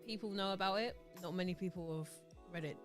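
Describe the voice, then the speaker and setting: A woman co-hosting a casual livestream, easygoing and often pausing to find her words. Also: fairly low pitch, over music. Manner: easygoing, searches for words, hums agreement. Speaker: livestream co-host. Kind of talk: casual chat.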